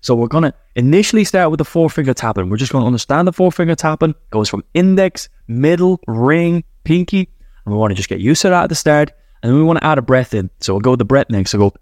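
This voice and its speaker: A man hosting a podcast, guiding a breathing practice and chanting affirmations in an energetic, rhythmic way. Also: a little high, fast talker, no room sound, clean studio sound. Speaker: podcast host. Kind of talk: motivational breathing guidance. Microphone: podcast microphone.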